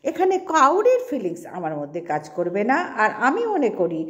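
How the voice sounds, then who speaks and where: A woman's voice: medium pitch, wildly swooping pitch, brisk. A woman talking straight to her viewers in an opinion vlog, stressing her points by repeating them. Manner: emphatic, repeats herself for stress. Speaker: vlogger. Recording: dull lo-fi sound.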